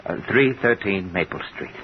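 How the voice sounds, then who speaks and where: A man's voice: low-pitched, normal speed, lightly acted. An actor playing a nervous, polite man with a secret, hesitant and flustered, in an old radio drama. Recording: muffled old radio recording, faint hiss.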